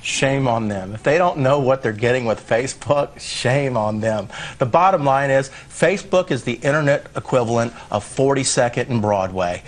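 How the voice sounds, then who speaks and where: A man's voice: mid-range voice, moderate pace, few pauses. Blunt, mocking former prosecutor, a man. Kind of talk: news panel commentary.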